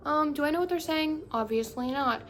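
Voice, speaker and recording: High-pitched and fairly quick, a young woman chats to her phone camera in a casual vlog, rambling and cutting herself off with an affected valley-girl inflection. The phone recording carries faint music plus a little hiss or hum.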